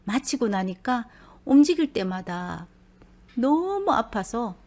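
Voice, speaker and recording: A woman's voice: on the high side, sing-song, takes it slowly, a little mellow. A middle-aged woman narrating a personal story in a confiding, conversational way.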